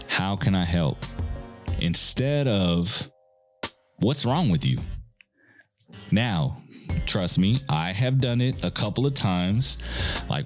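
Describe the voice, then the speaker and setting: A man with a very low, deep voice talks through parenting advice as a podcast host. His delivery is earnest and conversational, and he keeps checking in with his listeners. Faint music sits quietly underneath. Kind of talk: casual advice talk.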